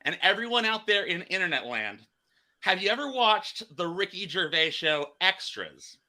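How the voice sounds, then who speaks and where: A man's voice: high-pitched, big pitch swings, moderate pace, bright, forceful tone. A man hosting a casual podcast chat, rambling and restarting his phrases. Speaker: podcast host.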